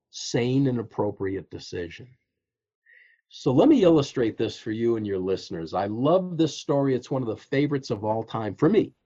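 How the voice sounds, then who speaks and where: A man telling a story on a podcast as a guest coach, acting out the quotes with lively laughs. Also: mid-range voice, husky, highs cut off. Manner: animated storyteller, acts out quotes, frequent laughs.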